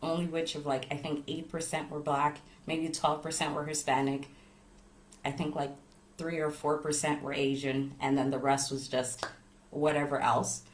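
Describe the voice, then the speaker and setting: Talking to online viewers at a normal speed, a nervous, somewhat sleepy young woman from Montreal, Canada, offers a casual, rambling personal chat with a flat delivery and low voice. She creates travel content. The echoey room carries slight background noise.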